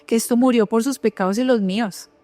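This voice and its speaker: A woman preacher delivers a sermon in a fairly high voice, a little fast, sharing her own story as earnest personal testimony. She frequently asks her listeners direct rhetorical questions while soft music plays faintly underneath.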